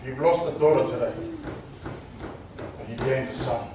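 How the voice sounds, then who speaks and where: A man giving a halting, joking welcome speech at a wedding, out of breath and losing his train of thought. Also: mid-range voice. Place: wedding reception hall. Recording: echoey hall, distant mic, noisy.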